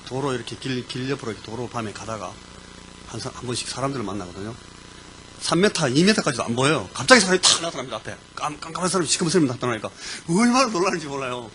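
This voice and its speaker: A man preaching as a pastor, telling a personal story with lively sound words and sudden bursts of emphasis. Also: medium pitch, rapid-fire, crowd noise, rough recording. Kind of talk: sermon storytelling. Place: church.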